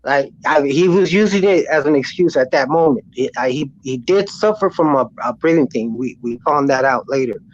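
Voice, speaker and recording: A man's voice: medium pitch, expressive, normal speed, few pauses, slight background noise. A man calling in by cell phone, talking bluntly in a streetwise way, stumbling and restarting often. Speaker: caller. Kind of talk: casual call-in chat. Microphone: cell phone call. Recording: muffled phone call.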